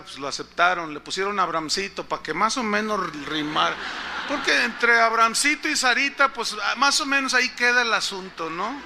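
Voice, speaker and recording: A male pastor preaches, telling a story and turning to the congregation with questions. His voice sits high for a man and rings sharp and bright. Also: a little hiss or hum. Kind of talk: sermon.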